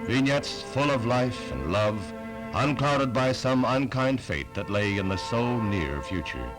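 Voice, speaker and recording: A man's voice: mid-range voice, animated, unhurried, over loud music, poor audio. A man narrating a 1960s newsreel with a solemn, stately delivery.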